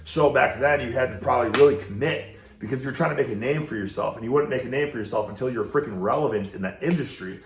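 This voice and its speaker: A fitness YouTuber with a mid-range voice, speaking fast and clearly losing his voice, reacts to a video in a loose, rambling chat to camera. He's blunt and swears mildly, sitting in a room at home with a TV behind him, and the recording has a roomy echo.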